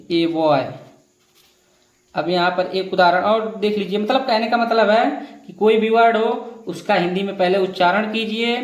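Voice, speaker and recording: A man with a high voice teaches a grammar lesson. He goes step by step, repeating each point and calling his viewers friends. The room around him is echoey. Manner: repetitive, explains step by step, addresses viewers as friends. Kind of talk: grammar lesson explaining rules.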